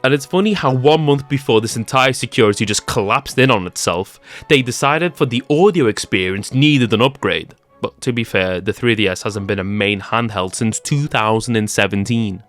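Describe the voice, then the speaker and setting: A man's voice: mid-range voice, normal speed, hardly any pauses, fairly bright tone, faint music behind. Wisecracking young man narrating. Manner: jokey, sarcastic asides. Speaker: YouTube creator. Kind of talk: scripted tech-comedy narration.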